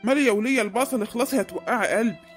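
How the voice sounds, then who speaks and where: A man's voice: very high-pitched, very fast, faint music behind. A man voicing a greedy, scheming husband with an Egyptian accent in a comic cartoon, blustering and boastful. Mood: impatient. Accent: Egyptian Arabic.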